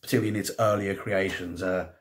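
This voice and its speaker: A man's voice: low voice, steady tone, fast talker. A man giving a casual magazine review, rambling with many ums and restarts and reading passages aloud. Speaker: tabletop hobby reviewer.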